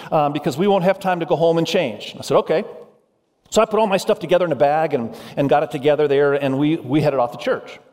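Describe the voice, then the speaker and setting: Male pastor, raised in Indonesia, preaching with animated urgency; raised pitch, long hall reverb. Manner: animated preaching, urging the congregation. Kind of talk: sermon.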